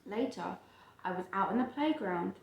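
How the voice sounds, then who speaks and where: A woman with a creaky, medium-pitched voice and lively intonation reads a picture book to a child at a moderate pace. She stops to explain the pictures simply and acts out the quotes, in a roomy, lo-fi recording.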